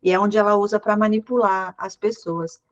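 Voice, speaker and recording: A woman, a therapist hosting a conversation, telling stories in an animated way and acting out what others said. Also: mid-range voice, normal speed. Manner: animated storyteller, quotes people in acted asides. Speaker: therapist and channel host. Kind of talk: live conversation about toxic friendship. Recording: dull lo-fi sound.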